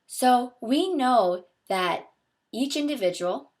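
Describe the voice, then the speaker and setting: A woman's voice: on the high side, lively intonation, takes it slowly. Young woman explaining as a teacher. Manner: patient, step-by-step explaining. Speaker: biology teacher. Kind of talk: explanatory video lesson. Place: small home room with a window, indoors.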